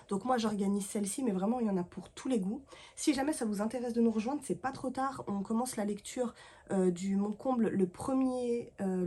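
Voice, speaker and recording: Chatty woman with a mellow voice. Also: a little high, husky. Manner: lively and chatty, with many fillers and playful asides. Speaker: book vlogger. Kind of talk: casual chatty book haul vlog.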